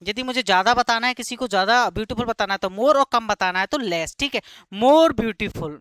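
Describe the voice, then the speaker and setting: A man leads a live grammar class in a bright, clear, smooth voice, recorded dry with almost no room sound. He checks in with the students again and again. He lingers on each example word so it sinks in. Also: very high voice, no room sound. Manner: keeps asking students quick check questions; repeats key words slowly for emphasis. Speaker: English grammar teacher.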